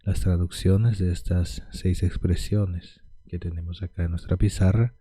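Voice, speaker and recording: Slow, deep-voiced man teaching a lesson. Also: fairly even intonation, dark tone, no room sound. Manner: slow, repeats words for pronunciation drills. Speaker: language teacher. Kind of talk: whiteboard language lesson.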